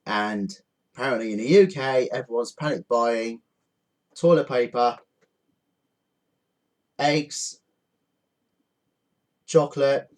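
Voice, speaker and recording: A man ranting angrily to camera from home, swearing often and repeating his points with indignation. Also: mid-range voice. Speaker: vlogger. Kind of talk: angry rant to camera. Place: indoors at home.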